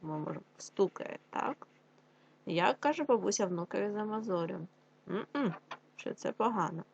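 A woman teacher speaks to young pupils in an online lesson, her voice slightly husky and breathy. Her pitch moves in a lively way, rising and falling as she explains and reads aloud. She speaks kindly, in the manner of a primary school teacher. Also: lo-fi sound. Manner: warm teacherly address, slow drilled syllables.

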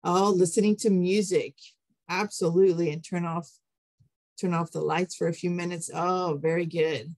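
Lower-pitched woman presenting an interactive webinar. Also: fairly even intonation, moderate pace, darkish tone, no room sound. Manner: encouraging, affirming participants' answers. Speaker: teacher trainer, webinar presenter. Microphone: computer mic on an online call.

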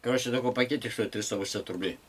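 A man's voice: medium pitch, rapid-fire, breathy edge. Man chewing while talking. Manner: mumbling, muffled and quiet between bites. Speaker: mukbang vlogger. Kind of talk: casual eating vlog chat.

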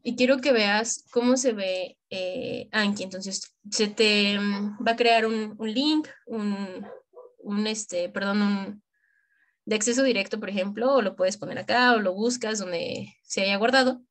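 A young adult woman with a Mexican accent, originally from Michoacán, talks a little slowly in a medium-pitched voice. She gives medical students an informal screen-share tutorial, addressing the listener directly in colloquial, slangy terms.

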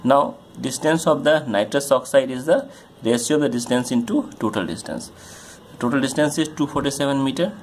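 A man tutoring chemistry, working through a solved problem in a halting way with many fillers while pointing at a diagram. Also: medium pitch, expressive, a little hiss or hum. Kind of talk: explaining a solved problem on a board.

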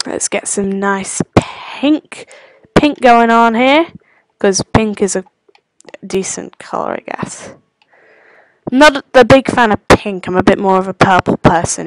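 A woman's voice: medium pitch, a little slow, no room sound, poor audio. A young woman giving playful, chatty commentary while playing a game, adding her own sound effects. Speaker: gaming video host. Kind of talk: casual gameplay commentary.

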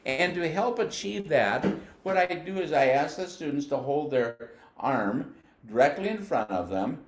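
An older man from the United States teaching band, explaining flute technique patiently and sounding out syllables slowly. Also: fairly high pitch, lively intonation, roomy sound. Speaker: music educator. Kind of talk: instructional demonstration.

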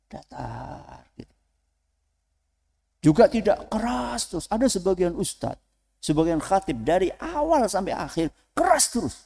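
A man preaching to students in a lively way, asking the audience questions and then answering them himself. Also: mid-range voice. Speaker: Islamic preacher. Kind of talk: lecture to students. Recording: long hall reverb.

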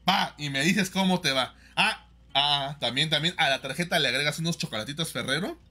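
A man's voice: fairly high pitch, brisk, sharp tone. A young man with a Mexican accent chatting on a livestream, giving joking, slangy advice to viewers with lots of fillers. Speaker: livestream host.

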